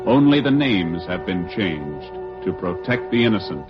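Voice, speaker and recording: A man's voice: deep voice, big pitch swings, unhurried, over music. A man announcing in a formal, solemn declaiming way, on a muffled vintage radio broadcast.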